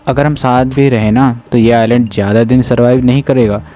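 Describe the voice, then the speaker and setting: Casting note: proud, dismissive nobleman in a manga retelling, voiced by a male narrator. Mellow, darker tone. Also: mid-range voice, fairly even intonation, brisk, natural voice. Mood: haughty. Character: arrogant noble man claiming a chosen wife.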